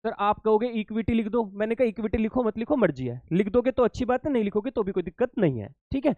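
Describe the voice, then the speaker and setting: A man's voice: high voice, animated, fast, no echo, narrow, tinny audio. A male accountancy teacher giving an exam-prep lesson to students, repeating key points, checking that they follow and calling them kids.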